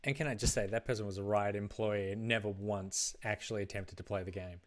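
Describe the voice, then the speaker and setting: A man's voice: lowish voice, steady tone, quick pace. A man co-hosting a gaming stream, wry and self-mocking in casual talk. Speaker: stream co-host.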